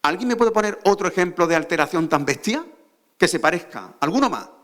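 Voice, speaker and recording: Andalusian guy giving a talk on stage, keeps throwing questions at the crowd, kinda high voice. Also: expressive, fairly quick, a bit bright. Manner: rhetorical, questions the audience. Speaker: conference speaker. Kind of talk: lecture to a live audience. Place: theater stage.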